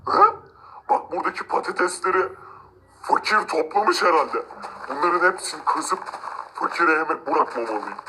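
A man's voice: on the high side, very animated, moderate pace, pushed and bright, a little hiss or hum, exaggerated voice, rough recording. A man voicing an arrogant, cruel rich man who gloats, mocks and threatens villagers in a game-video drama. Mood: smug. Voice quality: gloating, mocking laughs. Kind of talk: amateur game role-play narration.

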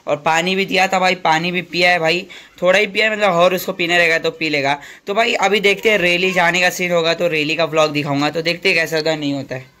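Chatty vlogger man. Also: fairly high pitch. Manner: chatty and excitable, calls viewers "bhai", laughs often. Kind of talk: casual vlog narration to viewers.

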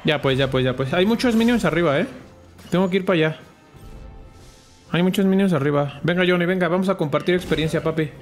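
Excitable high-voiced Mexican gamer man. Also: soft background music. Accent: Mexican Spanish. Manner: excitable, rapid repetitions, frequent swearing, mixes in English words. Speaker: gamer streamer. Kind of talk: live gameplay commentary.

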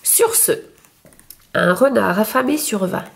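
A woman reading a picture book aloud for young children with clear, expressive storytelling. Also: medium pitch, slow.

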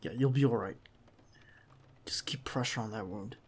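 A man acting a tense, loyal, protective bodyguard in an ASMR roleplay, speaking in a halting, earnest and reassuring way. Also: mid-range voice, husky.

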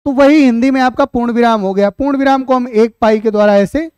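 A man's voice: very high-pitched, a little fast, a little mellow, clean tone, no echo. A man teaching an online exam-prep Hindi class, explaining points and asking students questions, with chatty asides. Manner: explains then repeats questions back to students; chatty asides addressing viewers as "beta".

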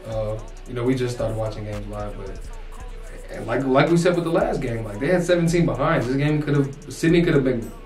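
Young dude rambling through a game recap, echoey room, far mic, bit of music behind. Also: male voice, medium pitch, expressive, brisk, darkish tone. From United States. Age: young adult. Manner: rambling, lots of restarts and "like". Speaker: co-host. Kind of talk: casual sports recap chat. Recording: roomy echo, distant mic, faint music.

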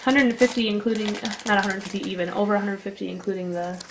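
A woman's voice: medium pitch, steady tone, quick pace, background noise. Chatty young woman host, casual tone, plastic crinkling in the background. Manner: chatty, laughs often. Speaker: channel host. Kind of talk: casual chat while opening cards.

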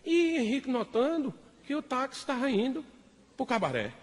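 A man's voice: very high-pitched, big pitch swings, normal speed, big-room sound. A male comedian, animatedly telling a comic story on stage and teasing the audience. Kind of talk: stand-up storytelling.

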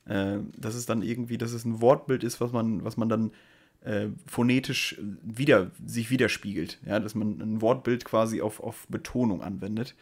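A man's voice: on the low side, steady tone, moderate pace. A man on a casual podcast chat, rambling and searching for words as he guesses. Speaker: podcast co-host.

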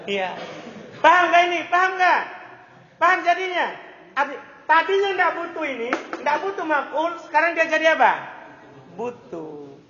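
A man's voice: very high-pitched, pushed and bright. A man teaching Arabic grammar in a classroom, constantly quizzing his students with repeated questions. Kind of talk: classroom lesson. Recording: echoey hall, dull lo-fi sound.

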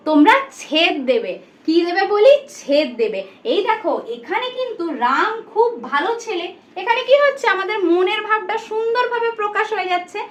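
Lively high-voiced woman teacher. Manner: addresses imaginary pupils, asks and answers her own questions; mixes English words into her teaching. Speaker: teacher giving a demo class. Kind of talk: demo classroom lesson.

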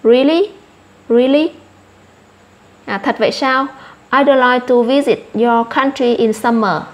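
Teaching English vocabulary to children, a Vietnamese-accented woman says each word slowly and then explains it. Her voice sits on the high side with fairly even intonation, and the recording sounds muffled.

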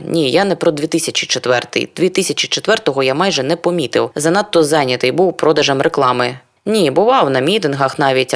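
A reader narrating a literary novel in the first person, brooding and introspective, often turning to rhetorical questions. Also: medium pitch. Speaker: audiobook reader.

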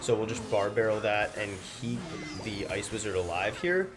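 A man's voice: fairly low pitch, normal speed. A young man with a slightly congested, stuffy nose gives casual gameplay commentary as a gaming video host. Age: young adult. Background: loud music.

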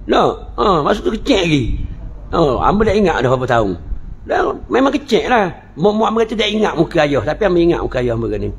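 A man with a Terengganu Malay accent leads a religious lecture, mixing teaching with jokes and local stories. His voice sits high for a man and jumps all over the place as he talks. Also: sing-song, quick pace, creaky. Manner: joking, storytelling, playful dialect asides.

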